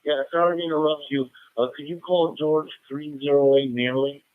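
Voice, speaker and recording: A man's voice: on the high side, steady tone, fairly quick, dry recording. A man on a radio net making brief, polite radio calls, heard over a two-way radio transmission with static. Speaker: radio net staff member. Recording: narrow, crackly radio channel.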